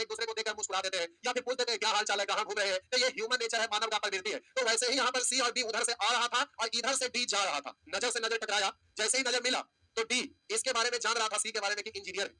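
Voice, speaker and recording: A man teaches a maths class. He talks very fast in a high, sharp, tense voice. He keeps repeating his points and calls his students dear ones. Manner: storytelling teacher, repetitive, addresses students as "pyare". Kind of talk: classroom lesson with a story.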